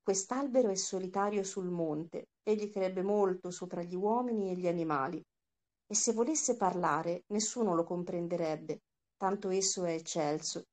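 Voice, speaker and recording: A woman voicing a wise, solemn male prophet, reading his lines in a measured, calm way. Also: on the low side, natural voice.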